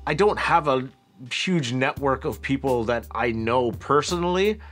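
A man from Canada narrating a casual vlog about a factory trip in a relaxed, chatty way with lots of fillers. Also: mid-range voice, unhurried, faint music behind. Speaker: vlogger, headphone reviewer.

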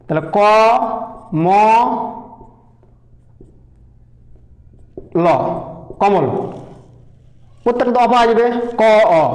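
A man teaching a grammar lesson, repeating terms and sounding out syllables slowly. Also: high voice, echoey room, rough recording.

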